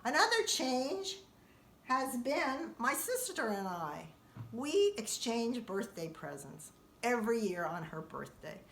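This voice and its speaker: Brief: woman comic storyteller, lively swooping pitch, a bit high, echoey room. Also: slow pace, creaky, distant mic, slight background noise. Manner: animated, jumps high and loud when acting out quotes. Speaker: comedian.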